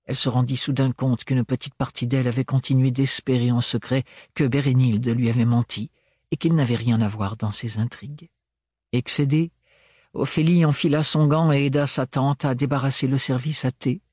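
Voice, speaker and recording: A man reads an audiobook in a measured, even way. His voice is husky at a middling pitch. The recording is dry and close, with no room sound. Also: no echo. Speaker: narrator. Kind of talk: audiobook narration.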